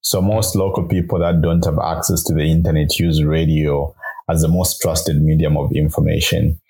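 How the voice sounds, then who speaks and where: A man's voice: very deep voice, level tone, normal speed, vocal fry, mellow, breathy edge. A young man from Zambia, a grad student and radio producer, speaking as a guest in a podcast interview in an earnest, upbeat way, explaining at length. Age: young adult.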